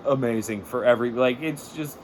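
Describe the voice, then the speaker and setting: A man's voice: mid-range voice, brisk, slight background noise. A man in his thirties hosting a podcast, ranting in a profane, sardonic, rambling way and laughing at his own jokes. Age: 30s. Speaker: podcast host. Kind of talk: comedic rant.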